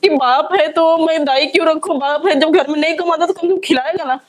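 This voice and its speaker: A woman's voice: sits high, fairly even intonation, fairly quick. A woman lawyer speaking in a news interview, pleading and distressed as she talks.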